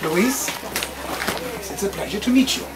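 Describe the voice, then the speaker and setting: A performer playing a theatrical wizard wandmaker who addresses a live audience with dramatic pauses, recorded from a distance. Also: medium pitch, lively intonation. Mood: mysterious. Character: theatrical wizard wandmaker shopkeeper, grand and mysterious. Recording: distant live recording with loud room noise.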